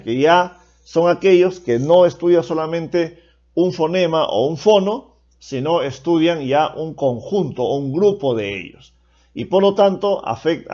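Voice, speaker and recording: A male teacher gives a lecture in a slightly high voice, explaining step by step. He keeps checking in with rhetorical questions. The recording sounds dull and lo-fi. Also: darkish tone. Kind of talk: classroom lecture.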